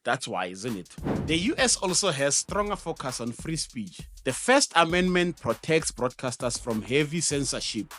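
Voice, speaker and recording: A South African man hosting an educational show on radio broadcasting reads a scripted explainer, emphatic like a presenter and adding conversational asides. His voice is a little high with a fairly bright tone.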